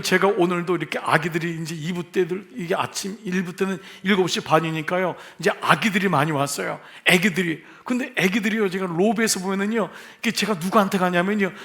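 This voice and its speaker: A male pastor delivers a sermon in a church sanctuary, his voice pitched high and rough with grit. He keeps turning to the congregation with questions and light jokes. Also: a bit bright. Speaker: senior pastor.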